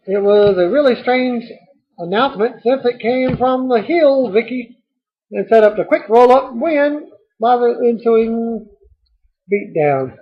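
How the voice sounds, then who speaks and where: A man's voice: high voice, husky, lo-fi sound. A man reading out a recap of a televised wrestling show, with dry asides. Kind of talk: read-aloud show recap.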